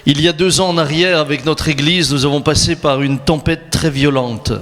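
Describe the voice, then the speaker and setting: A man preaching as a pastor in short, deliberate phrases, pausing to be interpreted. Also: fairly high pitch, fairly even intonation, fairly bright tone. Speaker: pastor preaching at a church conference. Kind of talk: sermon delivered in short phrases for consecutive interpreting. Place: large reverberant hall, through sound system. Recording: echoey hall with long reverb, PA sound.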